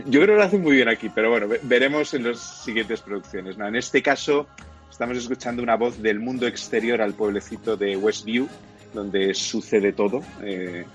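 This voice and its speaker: A man's voice: medium pitch, moderate pace, muffled recording, soft background music. A man with a Castilian Spanish accent giving an explanatory, opinionated review in a conversational radio segment. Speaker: television and film reviewer.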